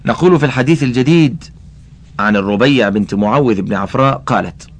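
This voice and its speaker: A man with a medium-pitched voice reads a classical religious text quickly as an audiobook. He adds commentary, carefully spells out how names are voweled, and speaks directly to the listener.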